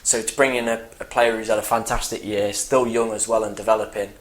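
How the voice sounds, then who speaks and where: A man co-hosting a casual football chat, easygoing and quick to laugh along and agree. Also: on the low side, little pitch movement. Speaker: football channel co-host.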